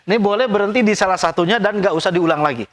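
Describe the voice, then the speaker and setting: High-voiced teacher. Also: male voice. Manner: slow drawn-out recitation between quick explanations. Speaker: Quran recitation teacher. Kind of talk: tajwid lesson with recited examples.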